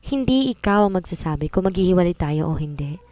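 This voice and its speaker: A woman's voice: lowish voice, animated, a little fast, a little mellow, dry recording, natural voice. A woman voicing a tired, cold young husband who answers curtly and snaps when pushed, in a storybook reading. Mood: angry. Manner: curt, tired, snapping. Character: weary cold husband, young adult man.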